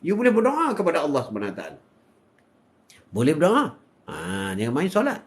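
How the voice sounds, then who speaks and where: An older man with a Malaysian Malay accent gives a live religious talk. His voice sits high and leaps around a lot, climbing to loud exhortations and then sinking to quiet murmurs. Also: wildly swooping pitch, a little fast. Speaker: religious speaker.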